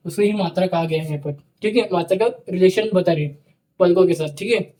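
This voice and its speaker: A male teacher giving a lecture, repeating phrases slowly so students can write them down, often saying "ठीक है". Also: high voice, mellow. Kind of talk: dictated classroom lecture.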